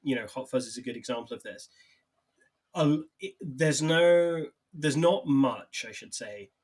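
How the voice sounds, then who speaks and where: A man co-hosting a podcast lays out his view of a film in a measured, thoughtful way. His voice sits at an ordinary middle pitch. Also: darkish tone. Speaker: podcast co-host. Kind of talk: casual film discussion.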